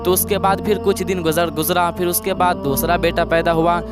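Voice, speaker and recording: A man's voice: high voice, flat delivery, over music. A man preaching through a moral story, repeating and restarting his phrases and calling his listeners brothers.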